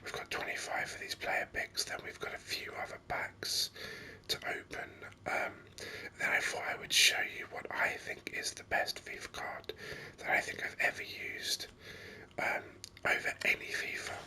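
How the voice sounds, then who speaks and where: Game screen capture carries the voice-over of a gaming host whispering rambling, hesitant ASMR commentary. The breathy, unvoiced whisper is pushed and bright at normal speed, with the microphone very close to the mouth.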